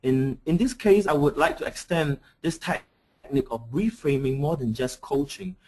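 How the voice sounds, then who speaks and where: A man's voice: fairly high pitch, animated, normal speed, a little mellow. Brief: man from Singapore, coaching trainer, webinar delivery, hesitant and full of fillers, computer mic. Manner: hesitant, with many fillers and restarts. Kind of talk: webinar presentation. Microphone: computer mic on an online call.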